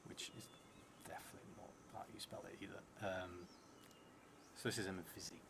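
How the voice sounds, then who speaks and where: In his thirties and speaking English as a third language, this solo tabletop roleplay streamer plays alone, reading prompts and thinking aloud. His voice sits low with little pitch movement. He mutters haltingly to himself while writing but becomes clearer when reading aloud, and the stream audio is clearly noisy.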